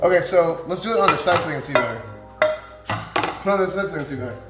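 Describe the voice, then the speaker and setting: A man's voice: on the high side, animated, racing. A young man bantering on a cooking livestream in a home kitchen, dry, skeptical and teasing. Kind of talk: casual banter on a cooking stream. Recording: echoey kitchen with music behind.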